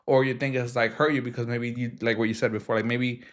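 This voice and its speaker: A man's voice: mid-range voice, flat delivery, fast talker. A man in his twenties hosting a podcast, chatting casually and joking with lots of fillers. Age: 20s. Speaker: podcast host. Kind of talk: casual chat.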